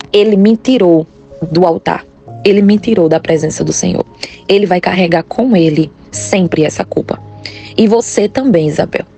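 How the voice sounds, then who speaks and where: A woman's voice: on the low side, vocal fry, warm tone. A woman voicing a bitter, wounded husband. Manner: reproachful, wounded. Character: hurt, bitter husband accusing his wife.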